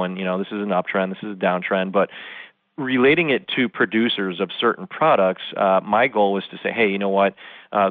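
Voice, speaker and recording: Low-voiced man on a tinny phone line. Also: no echo. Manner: analytical, many "uh" fillers. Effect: heard over the phone. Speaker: market analyst guest. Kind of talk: interview commentary. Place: phone call.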